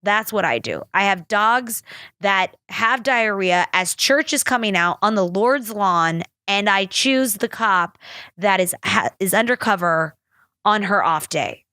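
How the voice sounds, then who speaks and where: A woman's voice: medium pitch, lively intonation, a little slow, sharp tone, no room sound. A young woman hosting a casual solo podcast, telling a story in a rambling way, full of fillers and laughter. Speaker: podcast host.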